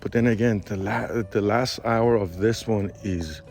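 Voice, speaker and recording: A man with a hoarse, raspy, whispery voice that is nearly gone, giving a casual, halting film review. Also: on the low side, a little mellow, faint music behind.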